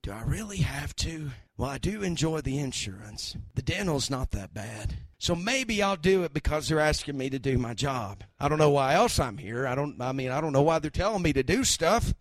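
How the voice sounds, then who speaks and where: A man's voice: fairly high pitch, expressive, normal speed, dry recording, pitched below the performer's own voice. A man voicing a reluctant male office worker who grumbles half-heartedly about his job. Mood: grudging.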